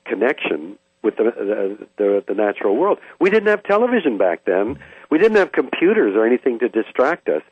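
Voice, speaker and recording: An older man from Canada, thoughtfully reminiscing about his childhood with frequent pauses and hesitations. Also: lowish voice, husky, no room sound. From Vancouver, Canada. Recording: dry, tinny phone-like sound.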